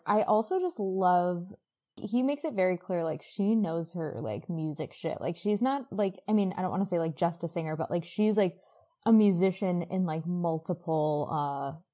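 With a fairly low voice at a moderate pace, a female podcast co-host summarises a book. She's animated and exclamatory, chatting casually and leaning heavily on "like".

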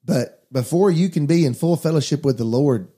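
A man's voice: on the high side, normal speed, warm tone, breathy edge. A man, a pastor, talking earnestly about faith in a casual conversation, preaching as he goes. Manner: earnest, preachy, addresses listeners as guys.

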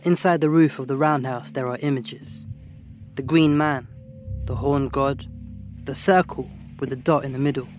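Actor as a measured male narrator, medium pitch. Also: steady tone, faint music behind, natural voice. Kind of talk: scripted dramatic narration.

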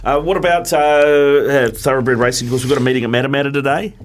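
A man hosting casual sports talk radio in an informal, halting way. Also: medium pitch, steady tone. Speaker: radio host.

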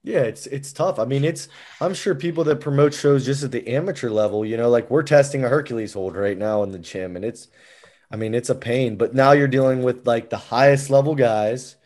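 A man's voice: mid-range voice, a little fast. Chatty American man hosting a podcast. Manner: animated, rambling with fillers. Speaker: podcast host. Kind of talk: casual chat.

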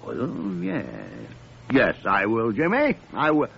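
Irascible radio-drama doctor, hugely animated delivery, exclamatory and easily flustered, muffled old recording. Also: male voice, medium pitch, slow, creaky, slight background noise, exaggerated voice. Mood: intrigued, flustered. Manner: blustery, sputtering, exclamatory.

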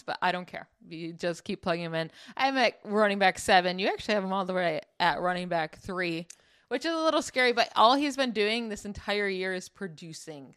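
Woman, podcast co-host, upbeat, animated, smooth clear voice, dry close sound. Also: on the low side, dry recording. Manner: upbeat and animated, quick asides. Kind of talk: casual sports podcast chat.

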